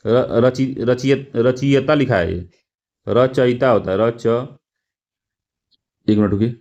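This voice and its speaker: A man's voice: medium pitch, takes it slowly, a little mellow. Man explaining test answers, muffled audio. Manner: repeats words, self-corrects, frequent "theek hai" fillers. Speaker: exam prep teacher.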